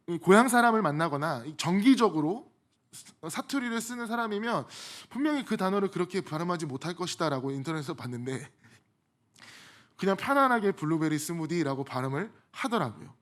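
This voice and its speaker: A man's voice: high voice, a bit bright. A male pastor delivering a sermon in a conversational way, mixing in humorous personal asides.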